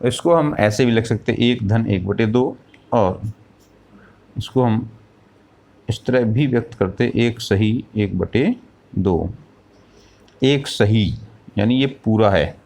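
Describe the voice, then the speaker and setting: A man's voice: mid-range voice, a little mellow. A man teaching a math lesson, explaining step by step, asking questions and answering them himself, and counting out parts aloud.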